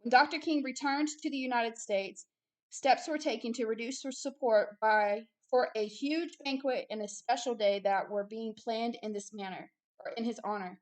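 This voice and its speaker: A woman with a higher-than-average voice and fairly even intonation talks at a normal speed while hosting a religious video. She reads a book aloud, then preaches about it with insistence and emphasis, repeating short phrases.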